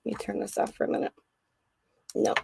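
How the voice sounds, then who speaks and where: A woman in her thirties or forties hosting a casual crochet livestream from her craft room, warmly greeting viewers by name. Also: a little fast. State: out of breath.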